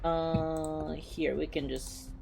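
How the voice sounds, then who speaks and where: A woman's voice: deep voice, little pitch movement, drawn-out words, creaky, music in the background. A woman casually running a tabletop game as game master, explaining things in an accommodating way.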